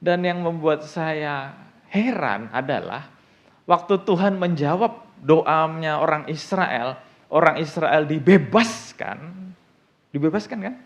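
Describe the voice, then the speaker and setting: A man preaching a sermon in an animated way, often asking the congregation rhetorical questions, with an Indonesian accent. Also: a little high, takes it slowly. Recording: dull lo-fi sound.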